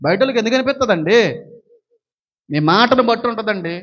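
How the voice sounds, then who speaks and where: Fast-talking pastor, man, high voice, dull lo-fi recording, animated sermon delivery that swings soft to loud.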